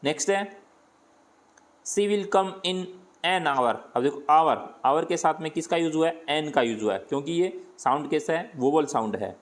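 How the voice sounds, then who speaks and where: Teacher voice: man with a Hindi accent, slightly high-pitched, patient step-by-step grammar explanation. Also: expressive, normal speed. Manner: explains step by step, asks and answers his own questions. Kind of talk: grammar lesson.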